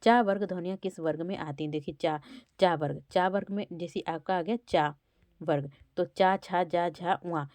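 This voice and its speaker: With a lowish, darkish voice and no echo, a woman teacher runs through exam quiz questions individually. For each one she sounds out the letter aloud to reveal where it is spoken from, as part of exam preparation.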